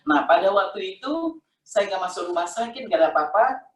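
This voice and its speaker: A woman's voice: mid-range voice, animated, fairly quick. Brief: middle-aged woman, heartfelt repetitive testimony, roomy sound, mic set far off. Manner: emotional, repetitive, conversational storytelling. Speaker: testimony giver. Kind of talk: personal faith testimony.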